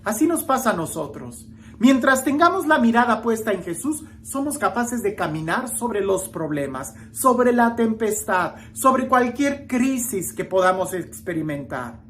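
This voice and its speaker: A woman reading the gospel and giving a reflective homily, slow and expressive, with dramatic emphasis and small restarts. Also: on the high side, slight background noise. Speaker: preacher.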